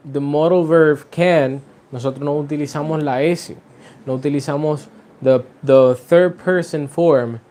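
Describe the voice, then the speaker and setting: A man's voice: fairly high pitch, dark tone. A man teaching an English lesson to Spanish speakers, switching between Spanish and English and stretching out his example sentences.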